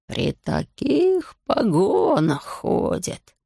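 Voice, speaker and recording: Guy reading a drunk bragging fisherman, drawls everything, gravelly, dry close audiobook sound. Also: high voice, wildly swooping pitch, drawn-out words, dry recording, exaggerated voice. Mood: drunk boasting. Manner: slurred, dragging, loud and maudlin. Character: drunk boastful fat man, sentimental old fisherman.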